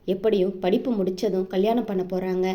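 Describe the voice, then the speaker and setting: A woman reading the lines of a sharp-tongued young woman who teases and scolds her friend, in an audiobook novel. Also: medium pitch, steady tone, a little fast, close to an everyday voice. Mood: teasing. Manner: teasing, scolding.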